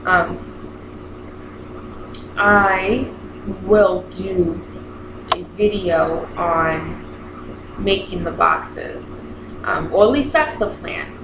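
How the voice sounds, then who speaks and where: A vlogger in her thirties, wearing braces, chats casually to camera in a rambling way, interrupting herself and animatedly retelling events with quoted dialogue. Her fairly low voice moves extremely slowly with long pauses, in an echoey room with clear background noise.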